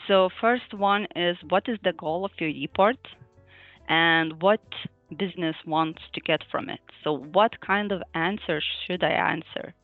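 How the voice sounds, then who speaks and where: Over a video call, a woman from Lithuania gives a user group talk in a fairly low, slightly slow voice, full of fillers and small laughs. There's no room sound, and the audio comes across thin and phone-like with faint background music.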